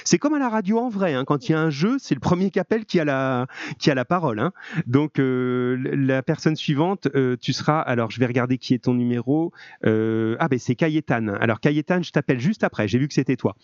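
A man's voice: medium pitch, fairly quick, darkish tone, dry recording, highs cut off. A male French teacher running a live call-in lesson with his students, speaking in a friendly, informal and encouraging way. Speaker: middle-school French teacher.

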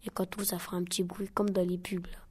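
A teenage girl from Côte d'Ivoire talks in a low, flat voice. She describes things slowly and searches for words as she goes. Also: husky. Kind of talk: spoken testimony.

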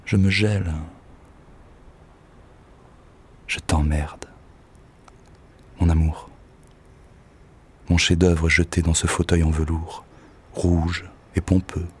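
A bitter, crude lovesick poet. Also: male voice, deep voice, flat delivery, slow, long pauses, slight background noise. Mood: hushed, lovesick. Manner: gruff, curt and crude; drifts into hushed, half-whispered passages. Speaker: actor in an audio drama. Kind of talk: poetic audio-drama monologue.

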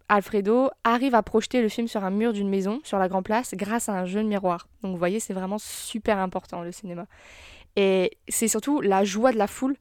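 A woman's voice: medium pitch, darkish tone, no room sound, studio quality. A woman hosting a casual film review podcast, chatty, mixing English phrases into her talk. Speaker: podcast host.

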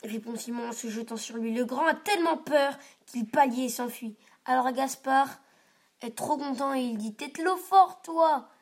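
A woman's voice: a little high, normal speed. Woman reading a children's story aloud. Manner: expressive, lively reading. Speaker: reader.

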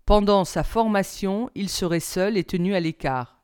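A woman, a teacher, reading a novel aloud in a calm, even storybook narration. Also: medium pitch, normal speed, clean tone.

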